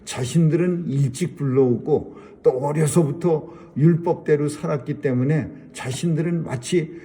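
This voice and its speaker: A man's voice: a little high, moderate pace, mellow. A middle-aged man preaching a Sunday sermon, emphatic and repeating his key phrases. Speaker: pastor.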